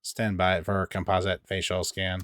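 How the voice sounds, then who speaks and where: A man voicing a synthesized security-door computer in a metallic, robotic monotone. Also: sits low, moderate pace, dry recording, studio quality, pitched below the performer's own voice. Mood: mechanical. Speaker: gamer reading game text aloud.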